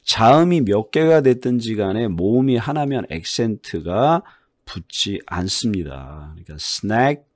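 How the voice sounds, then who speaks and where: A man with a Korean accent teaches English pronunciation in a low, fairly deep voice. He talks through each point in short bursts and draws out the English example words slowly and with emphasis. The sound is close and dry, with no room echo. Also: expressive. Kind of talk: online English lesson.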